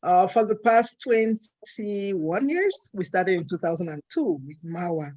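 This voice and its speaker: A woman's voice: mid-range voice, expressive, measured pace, a little mellow. A woman from Cameroon, speaking earnestly and emphatically as a co-host in a panel discussion.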